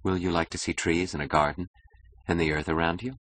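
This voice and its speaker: A man voicing a cool, detached young wife who speaks quietly and calmly in an audiobook. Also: deep voice, a little fast, no echo. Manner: quiet, calm and indifferent. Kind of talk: audiobook character voice.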